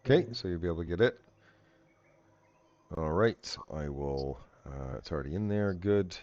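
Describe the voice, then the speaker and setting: A man's voice: deep voice, lively intonation, normal speed, lo-fi sound, background noise. A man acting as game master, casually narrating and working through rules in a tabletop game.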